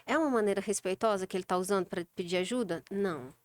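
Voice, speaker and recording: A woman's voice: medium pitch, fast talker, darkish tone, dry recording. A woman with a Brazilian accent, a child sleep specialist, explaining in a practical way and acting out everyday scenes with children. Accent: Brazilian Portuguese. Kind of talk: casual interview talk.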